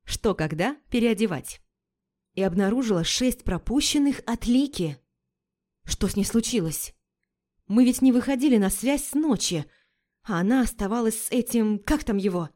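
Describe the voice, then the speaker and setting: A woman reading a first-person story aloud in a measured, expressive storytelling manner. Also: mid-range voice. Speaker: audiobook narrator. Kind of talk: first-person scripted narration.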